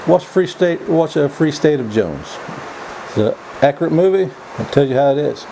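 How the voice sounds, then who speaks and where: A man giving a casual, opinionated vlog monologue in a folksy, halting way, often repeating his words as he goes. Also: on the high side, lively intonation, vocal fry, warm tone, slight background noise, low-quality recording. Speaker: vlog host. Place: indoors.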